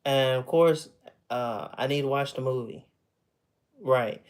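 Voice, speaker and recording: This thirtysomething livestreamer talks with his viewers from home, memorabilia in the background. His medium-pitched voice is clean and unhurried, and the chatter is casual, full of laughs and half-finished thoughts.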